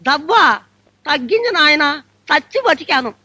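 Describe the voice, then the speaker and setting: An actress playing a very old, deaf bride who mishears everything and talks shyly in a quavering film comedy voice. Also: female voice, high voice, animated, normal speed, sharp tone, no echo. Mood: confused. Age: older. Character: ancient deaf frail old bride, dotty.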